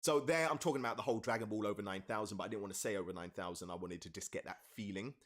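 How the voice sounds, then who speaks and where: A man's voice: fairly low pitch, steady tone, rapid-fire, a bit bright, a little hiss or hum. A rapper and streamer on a live stream with a webcam, eagerly walking through his own lyrics, counting syllables aloud and thanking viewers in chat. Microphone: streaming setup with webcam.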